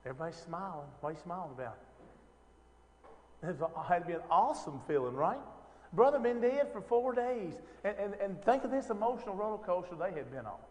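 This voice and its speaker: A man's voice: high-pitched, lively intonation, a little fast, darkish tone, big-room sound. A man teaching an informal Bible lesson, talking conversationally with lots of fillers and rhetorical questions.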